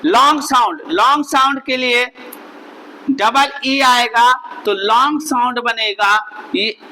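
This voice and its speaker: A man's voice: very high voice, takes it slowly, sharp tone, low-quality recording. A male teacher, giving a spelling lesson and drilling the class with repeated questions and answers.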